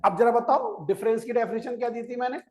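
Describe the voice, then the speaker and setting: A male maths teacher with an extremely high voice talks fast through a classroom lecture. He coaxes his students, fires questions at them, repeats each step, and insists they listen before writing anything down.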